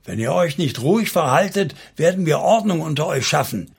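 A man's voice: mid-range voice, moderate pace, husky. A man doing a furious, scornful prince. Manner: angry, sneering.

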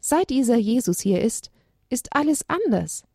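A caring storybook mother as a woman narrator reads her, calm and soothing. Her voice is slightly raised above the narration, and the recording is dry and close. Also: a little high, normal speed, slightly rough, no room sound, voice pushed up, full character voice. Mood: hopeful. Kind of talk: storybook reading.

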